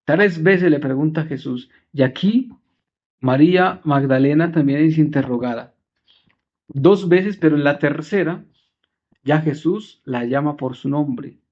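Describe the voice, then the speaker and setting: A man, a priest, preaching a homily from the pulpit in short, earnest phrases and slowing down to stress key words. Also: fairly high pitch. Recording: dull lo-fi recording.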